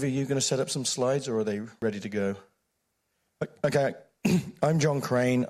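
A man with a croaky voice from being sick, giving an informal, joking conference talk. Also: lowish voice, darkish tone. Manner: joking, informal, self-deprecating. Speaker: security officer introducing his team.

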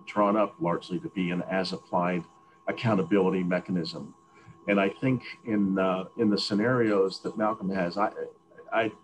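A man with a lowish voice talks in slow, measured phrases over a remote call. His audio is muffled and distorted, as if he were down a well. A clear hiss of noise runs under everything he says. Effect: distant, muffled, distorted line, like down a well. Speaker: meeting participant. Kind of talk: online policy meeting discussion.

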